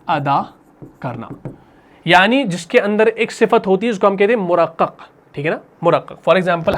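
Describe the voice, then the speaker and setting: A man teaching a recitation class, patiently asking questions and answering them himself, repeating each term slowly. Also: sits high. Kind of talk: classroom lesson.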